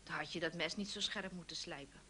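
A woman's voice: on the low side, fairly quick, pushed and bright, a little hiss or hum. A woman voicing a grumpy housewife who snaps and grumbles, reading a children's story. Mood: grumbling. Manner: snapping and grumbling. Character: grumpy housewife, snappish, sulky.

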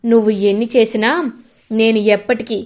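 A woman's voice: on the high side, flat delivery, moderate pace, darkish tone, voice pushed down, natural voice. A woman voicing a young man who keeps pleading his love with playful persistence, in a retold serial story.

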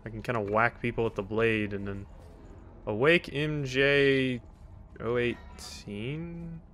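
Speaking slowly in a medium-pitched, slightly bright voice, a man provides laid-back, wry gameplay commentary, poking fun at the characters and voicing the on-screen text. Faint video game noise runs underneath.

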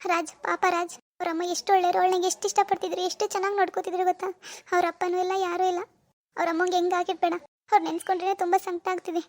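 A woman voicing a tender-hearted young wife who grieves and pleads with her husband in an animated village drama. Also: very high voice, racing. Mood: pleading. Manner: tearful, pleading.

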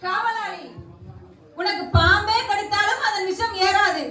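A woman's voice: very high-pitched, unhurried, pushed and bright, recorded from a distance, exaggerated voice. A woman playing a compassionate queen in a Tamil street-theatre play, speaking in formal, declaiming tones. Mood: regal. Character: stately compassionate queen touring her kingdom. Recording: roomy outdoor stage recording from afar. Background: music and crowd.

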